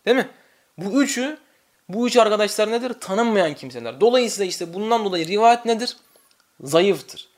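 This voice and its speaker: Male religious teacher, high voice, lecturing with rhetorical questions and slow, drawn-out recitation. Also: lively intonation. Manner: asks the listeners rhetorical questions and answers them himself; chants the Arabic lament calls slowly and drawn out.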